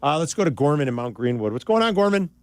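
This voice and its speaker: A man hosting sports talk radio, excitable and animated as he breaks down a game. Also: a little high, quick pace, dry recording.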